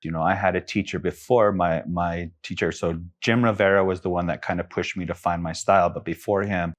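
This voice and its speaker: Deep soft-spoken young man. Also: fairly even intonation, a little fast. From Taos Pueblo, New Mexico. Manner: soft-spoken, reflective, many fillers. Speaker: guest artist. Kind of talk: casual interview talk.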